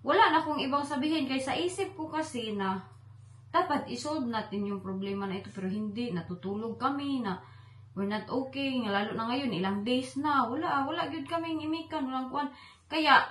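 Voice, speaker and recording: A woman's voice: high-pitched, brisk, fairly bright tone, reverberant. A young woman talks through a painful situation in an emotional, rambling confessional vlog. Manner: tearful, upset, rambling, mixes in English. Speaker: vlogger.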